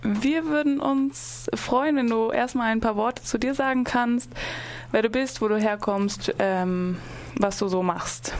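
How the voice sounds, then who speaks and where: A woman's voice: a little high, measured pace, a little mellow. A woman hosting a radio show, welcoming a live guest and asking questions with frequent fillers. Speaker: radio host. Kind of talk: casual interview.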